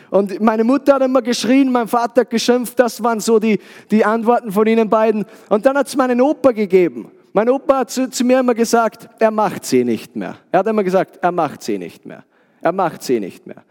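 A man's voice: high-pitched, a little mellow. A man preaching a sermon with passion, often stumbling and repeating words as he restarts his sentences. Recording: long hall reverb.

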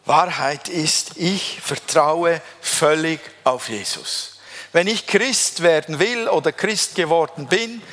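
A man preaching a sermon, emphatic, slowing down to stress key phrases. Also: fairly high pitch, fairly bright tone. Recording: long reverb of a large hall.

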